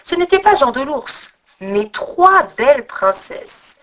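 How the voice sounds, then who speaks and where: A woman narrating a folk tale as a storyteller, reading a script in an expressive way. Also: sits high, slow, low-quality recording.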